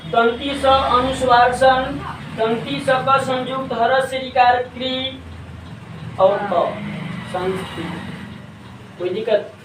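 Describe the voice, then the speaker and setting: Fields: Sex: man. Role: teacher in a classroom drill. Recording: roomy, distant mic, faint hum. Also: high voice. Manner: asks questions and has the class repeat; spells words out slowly sound by sound.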